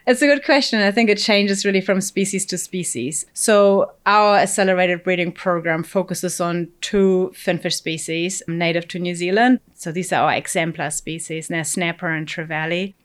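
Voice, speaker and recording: Her voice sitting on the low side, this middle-aged fish breeding scientist from Germany speaks steadily at normal speed with few pauses. Responding to an interviewer, she reflects carefully, scattering fillers, asides, and "you know" through her explanations.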